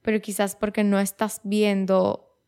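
A woman's voice: mid-range voice, flat delivery, a little slow, a little mellow, clear, resonant tone. A woman of twenty-three talking casually and reflectively as host of her own show, chatty, often restarting her phrases and dropping in English words. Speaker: podcast host.

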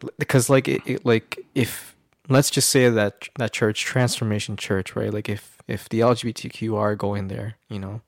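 A man's voice: lowish voice, steady tone, moderate pace, hardly any pauses, no echo, clean studio sound. A man talking casually about faith in a hesitant, roundabout way, often checking for agreement. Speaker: podcast co-host. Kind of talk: casual religious discussion.

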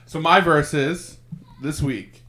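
A man's voice: a little high, takes it slowly, pushed and bright, faint music behind. A young man co-hosting a casual podcast chat, joking around and swearing, laughing often. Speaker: podcast co-host.

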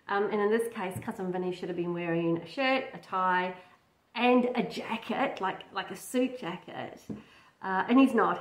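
An Australian woman, a lawyer, giving chatty reaction commentary and laughing often. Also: mid-range voice. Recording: echoey room, faint noise.

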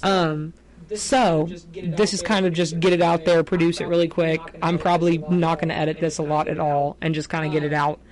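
A woman co-hosting a podcast in casual chat, rambling and quick to laugh. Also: deep voice, fairly even intonation, crowd noise. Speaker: podcast co-host.

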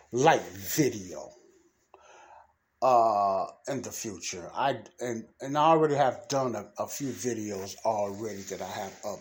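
Congested from sinus trouble, this podcast host speaks in a lowish, slightly mellow voice while riffing freely on faith and life on his own show. His delivery is rambling and preachy, full of restarts, with a little background noise behind him.

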